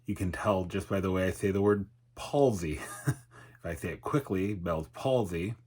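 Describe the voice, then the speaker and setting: A middle-aged YouTuber and podcaster speaks candidly in an unscripted personal vlog, his voice lowish, husky, and a little mellow. He is halting and hesitant, pausing to search reflectively for words. Numbness on one side of his face leaves his articulation slightly off.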